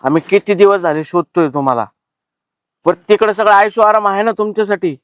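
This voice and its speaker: Man acting caring stepson, earnest, firm, high voice, dry sound. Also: a little fast, clear, resonant tone, no room sound, natural voice. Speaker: stepson searching for his father. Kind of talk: village family drama acting.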